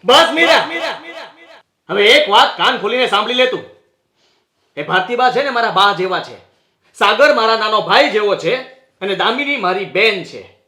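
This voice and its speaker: A man's voice: high voice, animated, normal speed, roomy sound. An actor playing a husband who defends himself against his wife in a family drama, pleading and then losing his temper. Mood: angry. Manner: pleading then shouting in anger. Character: defensive husband, quick to anger. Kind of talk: Gujarati short-film family drama acting.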